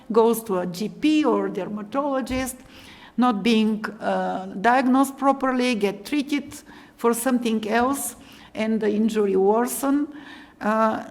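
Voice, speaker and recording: Older Bulgarian woman, expert lecturer, halting delivery, higher register, reverberant room sound. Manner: halting, many fillers, careful non-native phrasing. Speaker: lecturer, radiation protection expert. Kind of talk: conference lecture over slides.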